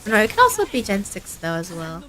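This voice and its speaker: A woman's voice: medium pitch, huge pitch swings, a little fast, a bit bright. A woman streaming a game, chatting casually and giggling often. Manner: giggly, chatty, self-mocking.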